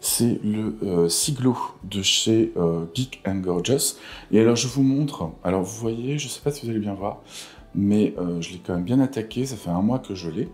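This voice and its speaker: A man's voice: lowish voice, normal speed, darkish tone, faint music behind. A man with a just-woken morning voice chatting informally and playfully through a casual skincare routine vlog. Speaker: skincare vlogger. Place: at home in a bathroom.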